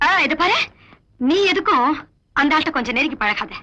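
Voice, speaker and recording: In 1990s film dialogue, an actress plays a stern, honest policewoman who speaks firmly, scolds, and commands. Her voice is high, expressive, brisk, and sharp, heard on a dull old film soundtrack.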